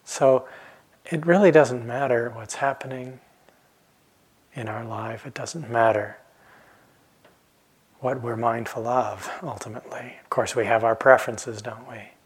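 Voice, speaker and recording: Calm and reflective, a meditation teacher in his late fifties delivers a dharma talk in a retreat center hall. His medium-pitched voice is slightly rough, and he pauses often, letting phrases trail off softly.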